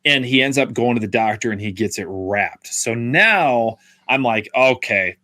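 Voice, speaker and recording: A young man talks through a movie on a podcast in a loose, rambling way, circling back with fillers and restarts. His voice sits at an average pitch and sounds close and dry. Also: lively intonation, unhurried, sharp tone, no echo. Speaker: podcast co-host. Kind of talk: casual film review chat.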